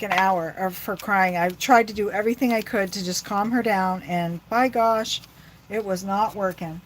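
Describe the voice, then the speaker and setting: A woman's voice: medium pitch, a little hiss or hum, poor audio. A middle-aged woman rambling chattily to her viewers while she works on a crafting livestream. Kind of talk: casual crafting livestream chat.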